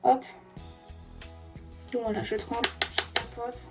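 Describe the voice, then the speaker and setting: Loud music plays behind this young woman in her twenties, who speaks slowly in a level, high-leaning voice. She's a beauty vlogger making up a friend indoors, chatting casually through the tutorial and saying "hop" every time she puts on a product.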